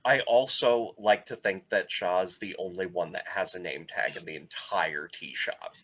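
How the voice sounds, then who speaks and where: A man's voice: sits low, unhurried, fairly bright tone, breathy edge. A man running a tabletop role-play game as game master, with dry, teasing asides.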